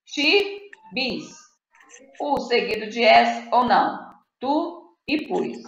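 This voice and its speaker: Slow gravelly Brazilian woman teacher. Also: a little high, animated. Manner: slow, patient, reads word lists aloud and quizzes pupils. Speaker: schoolteacher. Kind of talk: live online Portuguese lesson for children. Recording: echoey room, dull lo-fi audio with faint noise.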